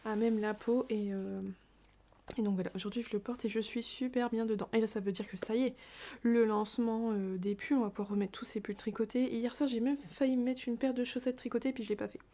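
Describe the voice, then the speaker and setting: A knitting vlogger chats casually about her projects in a hushed, half-whispered way, rambling with fillers and restarts. Her voice sits on the high side, with a steady tone and a slightly quick pace.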